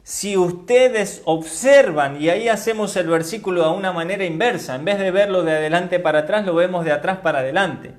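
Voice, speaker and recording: A male Bible teacher delivers a teaching sermon in a high voice. He is emphatic, repeating key words and spelling them out slowly.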